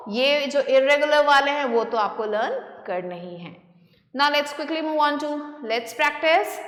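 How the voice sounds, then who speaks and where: A woman teaching a grammar lesson, with a high voice and a slow, patient delivery. She stretches out the English example sentences as she reads them. The room around her is echoey and rings with a long reverb. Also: a bit bright. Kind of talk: grammar lesson explaining and reading exercises.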